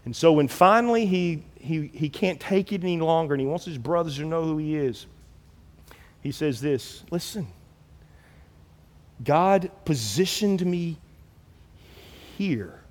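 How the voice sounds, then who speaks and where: A man preaching a sermon as pastor, animated and acting out quoted biblical figures in his own voice. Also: a little high, unhurried, long pauses, in a large hall.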